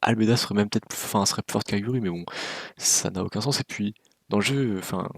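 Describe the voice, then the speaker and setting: A man's voice: on the low side, fast, gravelly, dry recording. A man giving casual, opinionated game news commentary with a wry, candid manner, speaking close to the microphone. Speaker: gaming video creator.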